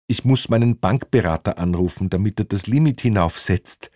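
A man's voice: fairly low pitch, normal speed, warm tone, no room sound, clean studio sound, natural voice. A man voicing a nervous father caught without a ticket, who stammers and bluffs indignantly. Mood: flustered.

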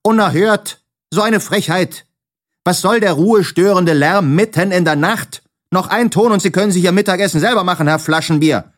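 A man voicing an angry middle-aged landlady who shouts indignantly. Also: high-pitched, normal speed, pitched above the performer's own voice, natural voice. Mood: outraged.

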